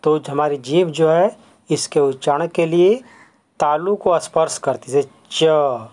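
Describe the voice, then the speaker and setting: In this grammar lesson on letters and sounds, the teacher speaks slowly and deliberately, mid-pitched and a little mellow. Every term comes twice, sprinkled with English words, and the class gets quick questions whose answers follow immediately.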